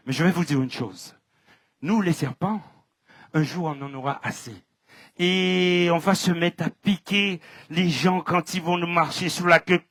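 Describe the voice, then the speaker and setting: A man's voice: fairly high pitch, a little slow, fairly bright tone, dry recording, clean studio sound. A man doing an indignant little snake, French Caribbean accent. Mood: warning. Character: small aggrieved male snake, complaining.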